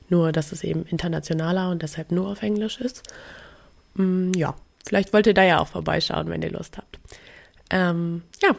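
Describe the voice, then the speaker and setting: Podcast host lady, low gravelly voice, casual intro w/ ums. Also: darkish tone. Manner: casual, with fillers. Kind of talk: podcast announcement.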